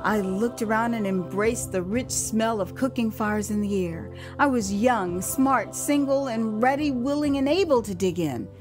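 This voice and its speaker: With music behind her, this American woman tells her first-person story like an audio drama, her pitch a little high and her pace unhurried, with hardly any pauses. She's expressive, lingering on words for emphasis and adding chatty remarks.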